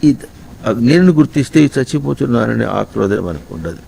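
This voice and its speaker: A man giving a slow, reflective spiritual discourse to householders, often pausing to ask his listeners questions. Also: medium pitch, sing-song, creaky, mellow, husky, low-quality recording. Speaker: spiritual teacher.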